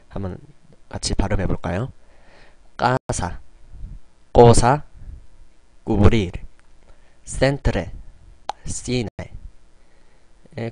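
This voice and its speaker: A man with a fairly low voice teaches in a recorded online lesson. He explains patiently, step by step, and often opens with a soft "yes" before slowly sounding out example words. The recording is dry and close, with little room sound. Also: no room sound. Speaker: Spanish teacher.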